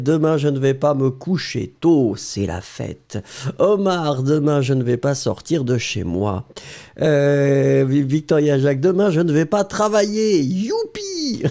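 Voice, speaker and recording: French teacher guy reading out chat comments, bouncy up-and-down voice, kinda dark mellow tone. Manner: playful, laughs often, exaggerated pitch swings.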